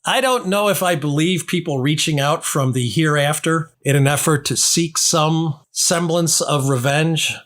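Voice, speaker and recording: A man's voice: fairly high pitch, a little slow, few pauses, fairly bright tone. A man hosting a true-crime podcast, giving argumentative, skeptical commentary on a trial and rebutting points with rhetorical questions. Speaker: podcast host.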